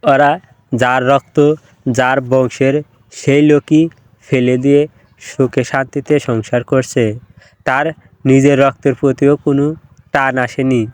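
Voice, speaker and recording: A man's voice: medium pitch, little pitch movement, takes it slowly, pauses often, darkish tone, smooth, no echo, lightly acted. A man voicing a pushy middle-aged village matchmaker woman who lectures insistently.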